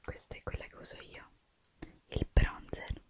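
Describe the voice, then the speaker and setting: A young woman speaks almost entirely in a hushed, breathy whisper. She takes her time over every word, with long unhurried pauses. Her tone stays gentle and soothing as she walks the listener through each step. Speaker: makeup artist in a roleplay. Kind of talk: whispered ASMR roleplay.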